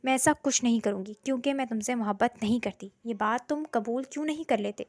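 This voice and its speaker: A woman's voice: a little high, dry recording, lightly acted. A woman reading a storybook voicing a frightened but defiant young woman who protests sharply. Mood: desperate.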